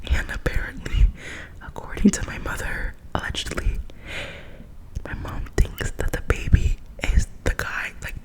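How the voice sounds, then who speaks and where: A young woman whispering a chatty, gossipy ASMR storytime in casual slang, with animated and dramatic retelling. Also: a little slow, rough recording.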